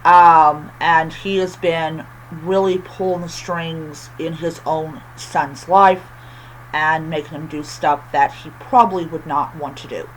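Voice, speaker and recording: A book reviewer chatting casually with a lisp and whistling s from missing teeth, halting often and repeating phrases. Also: medium pitch, fairly even intonation, a little hiss or hum, poor audio.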